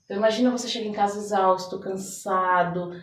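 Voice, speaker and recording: This woman talks fast, her medium-pitched voice staying fairly even, with a Brazilian Portuguese accent. An interview guest who works as a holistic therapist and folk blesser, she reflects on her practice in conversation and often checks for agreement. Captured on a distant mic in an echoey room, with faint background noise.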